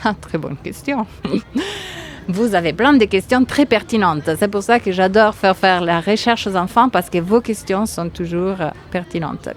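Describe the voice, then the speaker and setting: This clip features a female guest from Italy whose medium-pitched voice carries an Italian accent. Her replies to the interviewer are tentative and reflective, broken up by frequent pauses and filler words.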